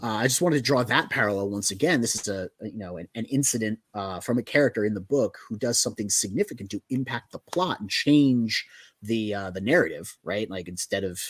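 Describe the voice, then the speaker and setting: A man's voice: fairly low pitch, expressive, brisk, breathy edge, no room sound. A man in casual chat, animatedly retelling a comic book's plot on a video call. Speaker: co-host of a comic book show.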